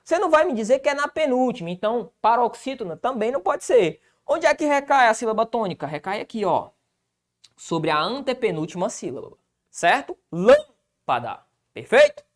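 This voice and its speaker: A man's voice: very high-pitched, animated, brisk. A man with a Brazilian accent teaching an exam-prep grammar lesson, colloquial and answering his own rhetorical questions. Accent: Brazilian Portuguese.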